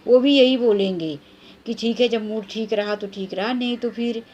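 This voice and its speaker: Earnest Hindi-speaking woman, dark warm voice. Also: on the high side, moderate pace. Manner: earnest, plainspoken, lecturing. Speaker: vlogger. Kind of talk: advice vlog talking to camera.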